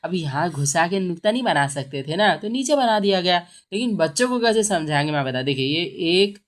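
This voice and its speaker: A woman's voice: lowish voice, lively intonation, brisk. Patient woman teacher sounding out words. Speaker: Urdu teacher. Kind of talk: explaining a textbook lesson.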